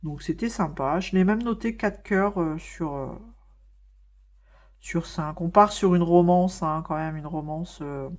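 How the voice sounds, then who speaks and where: A woman with a somewhat low voice talks casually to her viewers while she colors at home. She fills her sentences with hesitant fillers and often stops to restart a thought. Her tone is wry and easygoing. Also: measured pace. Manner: chatty, many hesitations and fillers. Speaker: vlogger.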